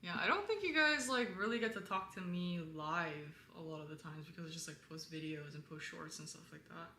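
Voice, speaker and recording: A young woman hosts a live stream, chatting casually with viewers in an animated, fairly quick way. She's candid and rambling, saying "like" often, with a bright but lower-toned voice. The roomy space adds echo, with faint background noise.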